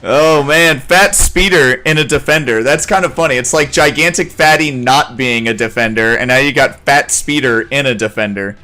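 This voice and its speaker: Hosting a casual gaming livestream, this man sounds upbeat and busy, chuckling while he manages players and talks about the match. His mid-range voice moves at a moderate pace with a bright, forceful tone.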